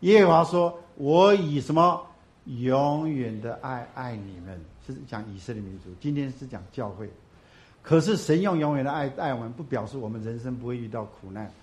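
A pastor preaching to his congregation. He asks questions and answers them himself, swinging from loud emphatic bursts to low, soft asides. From Taiwan. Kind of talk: sermon.

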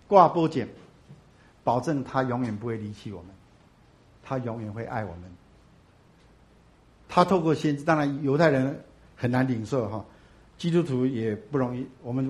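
A pastor preaching to his congregation. He asks questions and answers them himself, swinging from loud emphatic bursts to low, soft asides. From Taiwan. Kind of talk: sermon.

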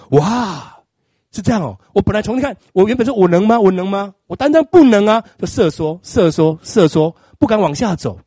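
A middle-aged man preaching a sermon, acting out little scenes in an animated way. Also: high-pitched, slightly rough, no room sound, studio quality. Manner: animated, acts out scenes with exaggerated crying.

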